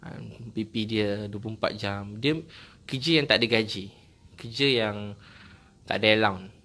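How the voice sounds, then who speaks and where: A man's voice: on the low side, moderate pace, bright, forceful tone. A man with a Malaysian accent preaching a sermon, telling a personal story in a heartfelt, earnest way with repeated phrases.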